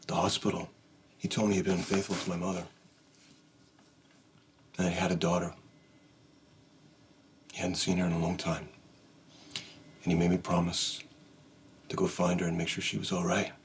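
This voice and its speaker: An actor playing a brooding, guarded man in a TV soap, speaking in a halting, understated, serious way. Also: low-pitched, flat delivery, vocal fry, slight background noise. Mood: somber, confiding. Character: brooding, guarded man carrying an old grudge. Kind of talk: naturalistic TV soap drama acting.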